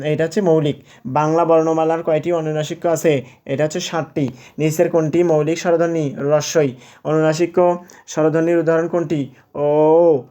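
Teacher, young man, mellow tone, slightly high, quiz-style walkthrough. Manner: explains step by step, quizzes and answers himself, corrects slips with "sorry"; drawn-out example words, repeated aloud. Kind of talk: exam question walkthrough.

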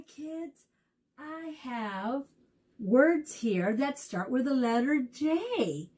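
A woman teaching young children at circle time, speaking in a slow, encouraging, sing-song way as she sounds out letters and claps syllables. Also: high-pitched, husky. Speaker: preschool teacher.

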